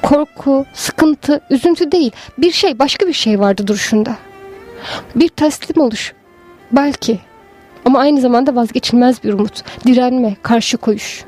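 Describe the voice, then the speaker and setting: A woman giving a slow, measured, lyrical literary narration of a story. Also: sits high, a little mellow, faint music behind. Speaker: story reader.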